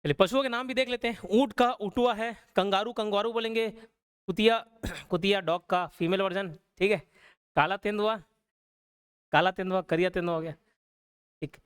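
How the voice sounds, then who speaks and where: A man's voice: sits high, fairly even intonation, normal speed, smooth. A young adult man teaching a live online class, explaining casually and checking in with listeners with a frequent "okay?". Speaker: online exam-prep teacher.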